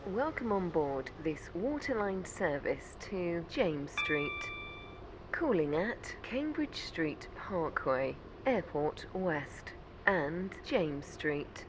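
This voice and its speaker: A woman's voice giving formal, clipped onboard train station announcements over a loudspeaker. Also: on the low side, very animated. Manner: measured, clipped, formal delivery. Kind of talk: automated transit announcements. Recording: game audio with train noise behind. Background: train running noise.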